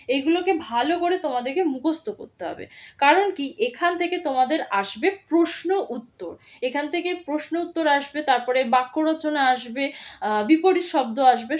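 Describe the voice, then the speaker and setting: A woman teacher giving a children's reading lesson, patiently spelling words out syllable by syllable. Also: sits high. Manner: slow syllable-by-syllable spelling drills, instructive and patient.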